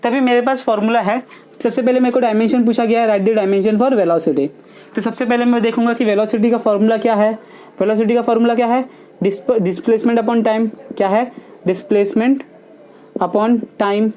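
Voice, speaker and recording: A woman teaching a physics class. She asks the students questions and then answers them herself, and she often checks in with short tags. She slows down to dictate the formulas. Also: fairly high pitch, warm tone. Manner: checks understanding with short tags like "theek hai". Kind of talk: classroom lesson at a board.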